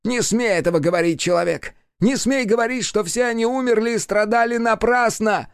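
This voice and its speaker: A man's voice: fairly high pitch, normal speed, gravelly, a little mellow, dry recording, studio quality, pitched above the performer's own voice. A man voicing a vengeful, anguished male demon in an audiobook, shrieking and wailing on the edge of tears. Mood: raging. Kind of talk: audiobook character voice.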